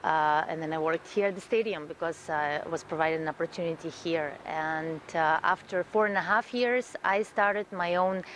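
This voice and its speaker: A woman's voice: low-pitched, normal speed, few pauses, fairly bright tone, slight background noise. A woman, a guest introducing herself in an interview, earnest, with many fillers and repeated words. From Russia. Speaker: guest, event producer.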